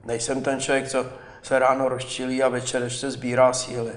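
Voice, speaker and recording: An older man, a guest in an interview, talking in a chatty, animated way with frequent hesitations. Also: mid-range voice, echoey room, a little hiss or hum. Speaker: film director, guest. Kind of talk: interview conversation.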